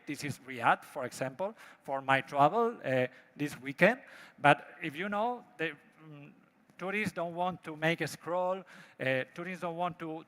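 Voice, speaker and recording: A man from Spain with a Spanish accent, a native Spanish speaker giving a live product pitch in broken, halting English. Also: bright, forceful tone. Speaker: startup presenter pitching a product. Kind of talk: live pitch presentation with demo. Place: large event hall. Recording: echoey hall with long reverb.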